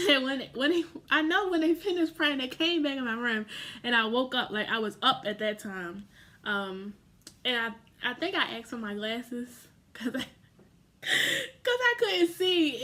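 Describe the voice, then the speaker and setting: A woman's voice: fairly high pitch, a bit bright, a little hiss or hum. A young woman telling a personal story to camera in a chatty, rambling way, full of "like" and self-corrections. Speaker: vlogger.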